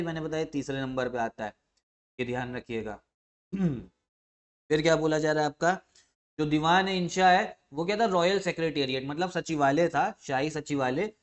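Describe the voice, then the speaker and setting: A man teaching an exam revision lesson who asks questions and answers them himself, repeating key terms and often clearing his throat. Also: on the high side.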